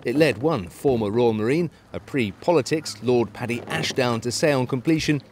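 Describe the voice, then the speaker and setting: A male news reporter narrates a scripted story in a measured, even voice. His pitch sits in the middle of the range. Faint background noise runs under the voice-over.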